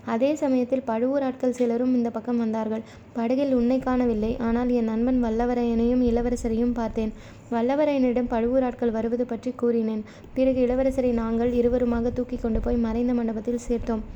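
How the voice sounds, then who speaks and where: A woman voicing a gentle, devoted young man who sings temple hymns, in a storybook reading with faint hiss. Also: extremely high pitch, level tone, moderate pace, lo-fi sound. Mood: earnest.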